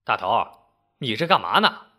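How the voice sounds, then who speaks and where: A man's voice: mid-range voice, big pitch swings, normal speed, bright, forceful tone. A man voicing a bossy older neighborhood auntie who chides and scolds in a storytelling recording. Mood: scolding. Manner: chiding, bossy.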